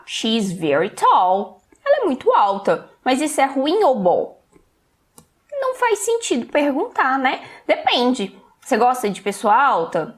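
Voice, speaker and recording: Lively Brazilian woman teaching English. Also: fairly high pitch. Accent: Brazilian Portuguese. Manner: slow, careful reading of English example sentences; lively, chatty explaining. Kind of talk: online English lesson.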